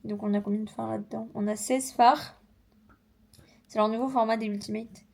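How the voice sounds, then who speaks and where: Young female vlogger, relaxed unboxing chatter, animated asides, a touch high-pitched. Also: normal speed, gravelly. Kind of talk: casual vlog chat, product unboxing.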